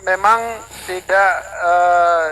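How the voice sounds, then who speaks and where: A man's voice: sits high, flat delivery, very slow, bright, forceful tone, low-quality recording. A man on a video call in a religious debate, hesitant and evasive, often trailing off.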